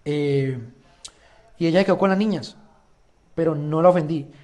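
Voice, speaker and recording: A young reality show contestant casually explains his side of a story to the camera, acting out quoted dialogue. His voice is on the high side and a little mellow, at normal speed.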